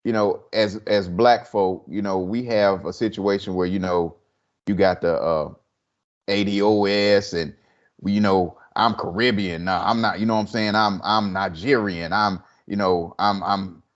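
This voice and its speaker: Man with halting restarts, slightly dull audio. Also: deep voice, steady tone. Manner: hesitant restarts, then forceful and repetitive. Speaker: podcast co-host. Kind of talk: casual discussion.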